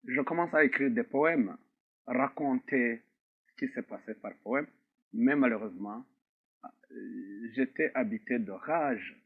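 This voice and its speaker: A middle-aged man from Rwanda gives a slow, grave testimony as an interview guest, pausing often between phrases. His voice sits at an ordinary pitch. The sound is thin and phone-like, as if heard over a narrow line. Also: husky. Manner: measured and grave, with frequent pauses. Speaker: interview guest, author and survivor. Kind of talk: slow, reflective personal testimony.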